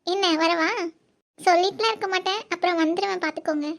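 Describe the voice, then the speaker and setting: A woman voicing a young village woman in a cartoon who teases and talks softly. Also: very high-pitched, steady tone, fast, creaky. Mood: teasing. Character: young village woman, teasing then guilt-ridden. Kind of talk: cartoon voice acting.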